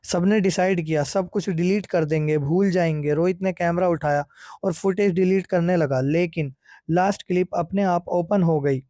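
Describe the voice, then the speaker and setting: Male horror narrator, high pitched, dark mellow tone, steady suspense. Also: normal speed, dry recording, clean studio sound. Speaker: horror storyteller.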